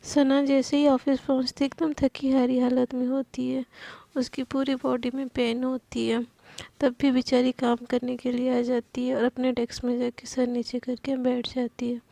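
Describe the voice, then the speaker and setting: High, gravelly woman storyteller. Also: monotone, normal speed, dark tone, no room sound. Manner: plain, homely storytelling. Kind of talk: narrating a romance story.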